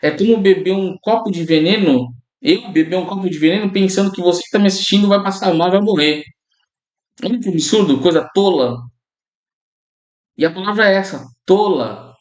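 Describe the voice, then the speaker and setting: A man's voice: sits high, normal speed, reverberant. A man preaching a sermon as a pastor, in a conversational way, often calling out to his listeners and checking in with them. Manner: conversational preaching, often addresses listeners as brothers and tags lines with "né?".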